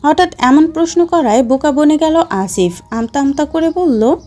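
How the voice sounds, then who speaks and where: A woman narrating an audio story in a steady storytelling manner. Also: sits high, moderate pace, soft background music.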